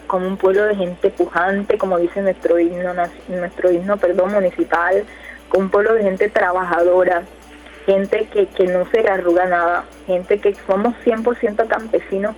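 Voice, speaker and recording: Young woman, flat hesitant speech. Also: medium pitch. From Colombia, Córdoba department. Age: 20s. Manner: hesitant, many fillers and restarts. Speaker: youth council leader, radio guest. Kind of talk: casual radio interview answers. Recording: muffled radio audio, faint music behind.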